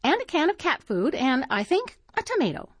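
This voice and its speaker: A woman's voice: high voice, very animated, moderate pace, no echo, voice pushed up. A woman reading aloud and voicing a prim, gossipy older spinster with genteel, tartly dry manners.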